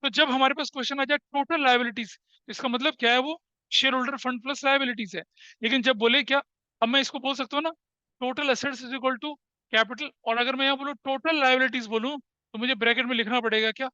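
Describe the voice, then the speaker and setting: A man's voice: very high-pitched, steady tone, brisk, bright, forceful tone, clean tone, dry recording, muffled recording. A male commerce teacher lecturing a class, asking questions and answering them himself, with English terms mixed into his Hindi.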